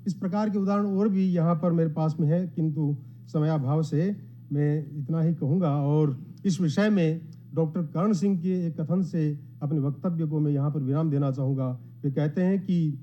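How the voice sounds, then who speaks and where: Man, formal lecture, measured explanatory delivery, fairly high voice, muffled lo-fi sound. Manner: measured, explanatory, quotes Sanskrit verses; modest, addresses the gathering. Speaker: academic speaker at a conference. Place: conference hall. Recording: dull lo-fi sound.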